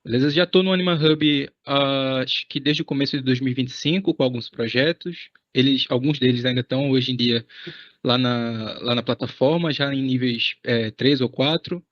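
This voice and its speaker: A man's voice: medium pitch, normal speed, no room sound. A young man from Pernambuco introducing himself as a student squad leader in a video call, hesitant with many fillers. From Pernambuco, Brazil. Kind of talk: self-introduction in online meeting. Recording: dry muffled call audio.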